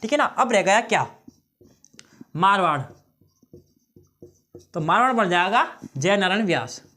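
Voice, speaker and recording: A man's voice: sits high, expressive, unhurried, sharp tone. A male teacher giving an exam-prep lesson on memory tricks, often checking in with his students and repeating key phrases.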